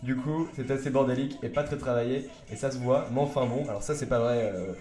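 A man's voice: medium pitch, fast, mellow. Male co-host, casual banter, jokey; echoey room. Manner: joking, chatty, laughs often. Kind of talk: casual chat. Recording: roomy echo.

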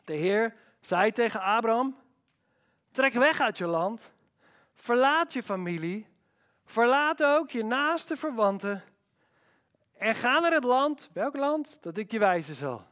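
A man preaching a sermon as pastor, emphatic and animated, with rhetorical questions. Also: extremely high pitch, slow, pauses often.

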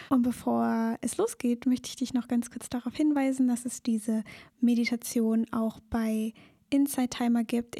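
Woman doing a bedtime sleep story, gentle breathy near whisper, kinda high but even, really close dry sound. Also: no echo. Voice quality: breathy, soft. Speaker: sleep meditation podcast host and narrator. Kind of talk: sleep story narration, guided bedtime meditation.

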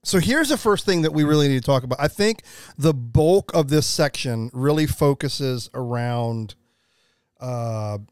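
A man's voice: mid-range voice, animated, measured pace, clean tone, no echo, studio quality. An American man co-hosting a podcast in casual, rambling chat, speaking with emphasis. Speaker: podcast co-host.

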